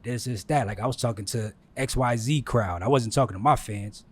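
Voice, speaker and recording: A man's voice: mid-range voice, fairly quick, slightly rough. A man co-hosting a podcast, giving his blunt, insistent opinion. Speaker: podcast co-host. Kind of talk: casual chat.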